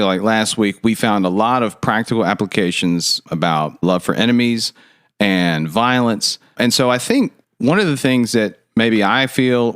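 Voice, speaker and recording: A man co-hosting a podcast, talking in a relaxed, hesitant way with fillers and light joking. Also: on the low side, clear, resonant tone, dry recording, clean studio sound. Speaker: podcast co-host. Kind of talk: casual podcast discussion.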